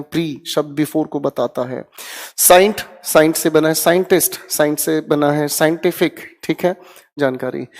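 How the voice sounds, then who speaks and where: A man's voice: a little high, a little mellow, in a large hall. A man teaching English vocabulary in Hindi for exam prep, drilling words aloud with his students and checking in often.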